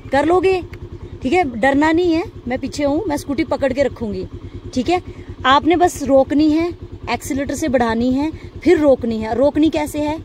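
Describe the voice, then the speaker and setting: A woman with a high voice coaches a learner on a scooter, calmly breaking each step down and cheering them on. She is recorded outdoors on a hillside, sometimes drifting off the mic. Faint traffic noise runs underneath. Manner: encouraging, coaxing, repeats cues like "shabash". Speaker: scooter driving instructor. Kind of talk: hands-on instruction. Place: outdoors on a hilly slope.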